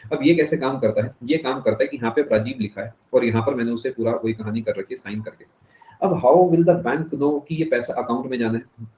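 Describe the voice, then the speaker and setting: A man's voice: medium pitch, a little mellow. Hindi teacher man lecturing in echoey room. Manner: explains step by step, mixing English phrases, asks "समझ गए?". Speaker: economics teacher. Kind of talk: classroom lecture. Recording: dull, echoey classroom recording.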